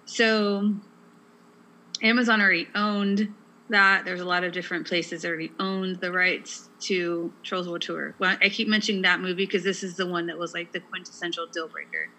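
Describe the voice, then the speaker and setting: A woman's voice: fairly low pitch, steady tone, moderate pace, sharp tone, rough recording. A woman co-hosting a casual podcast, explaining at length in a chatty way with lots of fillers. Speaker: podcast co-host. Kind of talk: casual chat.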